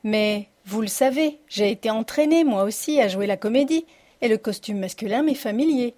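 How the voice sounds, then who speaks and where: A woman's voice: on the high side, expressive, moderate pace, mellow, close to an everyday voice. A woman voicing a witty, confident woman reading out her farewell letter in an audiobook. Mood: poised.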